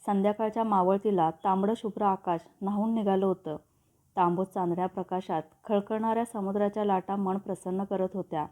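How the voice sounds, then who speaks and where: A woman reading a love story as a storyteller, in steady, descriptive narration. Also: mid-range voice, a little fast. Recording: tinny phone-like sound.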